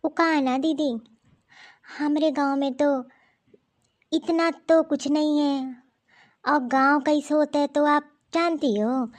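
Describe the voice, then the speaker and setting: A woman voicing a shy, uneducated young village wife in an animated cartoon, who talks slowly and humbly. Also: sits high. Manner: slow, humble village speech.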